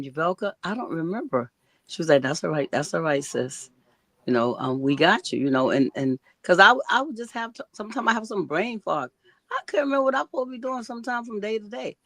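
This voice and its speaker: A woman's voice: deep voice, no echo. An older woman hosting an interview, chatting casually in a rambling way, repeating words and using slang. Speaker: host.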